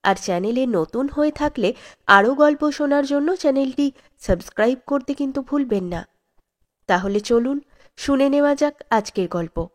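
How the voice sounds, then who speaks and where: A woman narrating a classic short story as an audiobook host, in a measured, expressive reading. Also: high voice.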